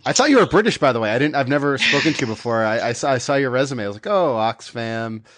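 A man's voice: medium pitch, lively intonation, fast, fairly bright tone, no echo. A man interviewing a guest, asking curious, conversational questions.

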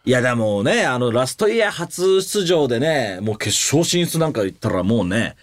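A young man, one half of a comedy duo, co-hosting a radio podcast. He talks in a mock-formal, deadpan way with playful earnestness, speaking into a studio microphone. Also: medium pitch, moderate pace, no room sound. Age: young adult. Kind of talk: casual banter.

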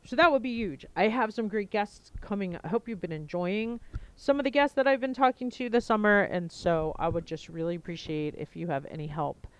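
A woman with a clear, smooth voice and a slightly low pitch for casual talk hosts her podcast. She speaks informally, thinking aloud and wandering from point to point. The sound is low quality, picked up through a headphone mic. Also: fairly quick, no echo, poor audio. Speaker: podcast host. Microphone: headset, talking into headphones.

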